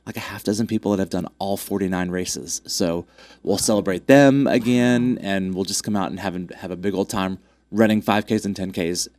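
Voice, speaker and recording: A man with a deep, congested, darkish voice speaks at normal speed with fairly even intonation. As a track club representative in a casual interview, he chats upbeat and promotionally about upcoming races with many fillers, and there's no room sound.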